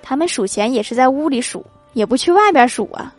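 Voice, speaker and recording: A woman's voice: high voice, expressive, brisk. Upbeat woman host reading jokes over music. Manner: chuckles at her own punchlines. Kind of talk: reading jokes aloud with acted quotes.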